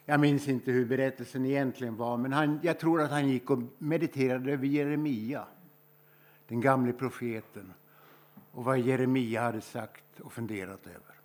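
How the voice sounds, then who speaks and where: Swedish male preacher, mid-range voice, unhurried and thoughtful with weighty pauses. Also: mid-range voice, fairly even intonation, a little mellow. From Sweden. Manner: slow, reflective storytelling with emphatic pauses. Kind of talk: sermon.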